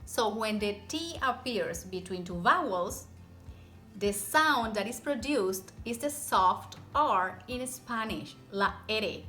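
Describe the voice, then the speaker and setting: A woman's voice: medium pitch, lively intonation, takes it slowly, sharp tone, faint music behind. A woman teaching pronunciation in an encouraging, step-by-step way, demonstrating rolled and tapped r sounds with repeated example words. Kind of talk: instructional language lesson to camera.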